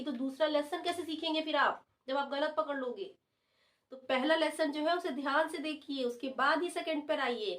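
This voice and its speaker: A woman teaching the dholak online, patiently explaining and counting beats aloud. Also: high voice. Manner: patient, repeats counts loudly while drumming. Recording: dholak drumming behind the voice.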